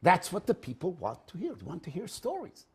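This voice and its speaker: A middle-aged Israeli man whose first language is Hebrew gives an animated talk as a guest speaker in an event hall, telling anecdotes to an audience. His brisk, slightly rough voice swings widely in pitch and loudness, and he laughs at his own jokes.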